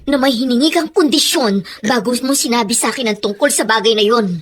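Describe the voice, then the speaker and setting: A woman's voice: fairly high pitch, a little fast, slight background noise, natural voice. An actress in a Filipino radio drama playing a defiant widowed mother who speaks in a firm, clipped and guarded way. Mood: firm, wary.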